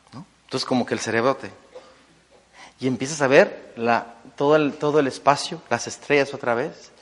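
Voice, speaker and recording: A middle-aged Mexican man with a Mexican Spanish accent, telling an animated story to an audience as a motivational business speaker, full of fillers and rhetorical questions. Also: medium pitch. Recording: long hall reverb.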